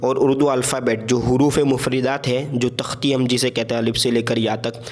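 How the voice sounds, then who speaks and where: A man teaching beginners to read, spelling out letters slowly and patiently, often checking in with his listeners. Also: mid-range voice, flat delivery. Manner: patient, slow letter-by-letter drilling with frequent "theek hai"; religious phrases woven into teaching. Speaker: Urdu reading teacher. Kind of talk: spoken lesson, spelling out letters.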